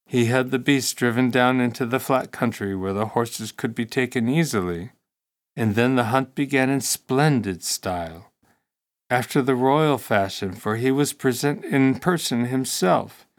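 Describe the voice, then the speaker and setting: A male narrator reads a classic story aloud in a steady, measured audiobook delivery. His voice sits at an ordinary middle pitch. The pacing is even and unhurried. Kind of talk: scripted narration of a classic text.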